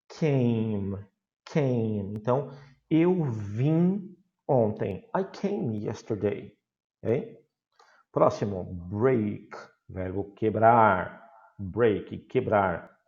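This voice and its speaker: A man with a Brazilian Portuguese accent teaching an online English lesson, speaking slowly and deliberately and repeating words for pronunciation. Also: medium pitch, mellow, muffled recording.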